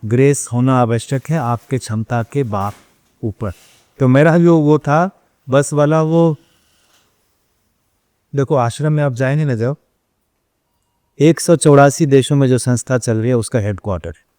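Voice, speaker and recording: Brief: male interview guest, a storyteller who acts out quoted exchanges and drops in English phrases. Mid pitch, dry close sound. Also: measured pace, pauses often, mellow, dry recording. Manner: mixes English phrases into speech. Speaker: interview guest, runs an ashram cow shelter. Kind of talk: casual interview conversation.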